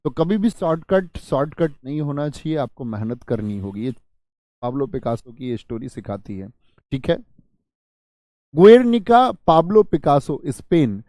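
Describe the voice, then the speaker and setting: A man's voice: fairly high pitch, very animated, moderate pace, dark tone, no room sound, studio quality. A man teaching a live online exam-prep class, drilling students with repeated questions and joking as he reads their comments.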